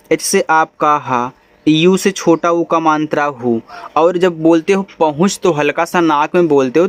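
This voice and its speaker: A man teaching English spelling at a slow, careful pace. His voice sits a little high, and he names each letter before sounding out the syllable it makes, like a patient tutor walking students through a lesson. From India.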